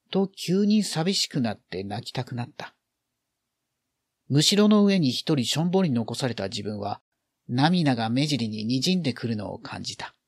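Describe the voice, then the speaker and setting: A man's voice: mid-range voice, breathy edge, no room sound, studio quality. A man reading a literary story aloud, expressively acting out the feelings in the narration.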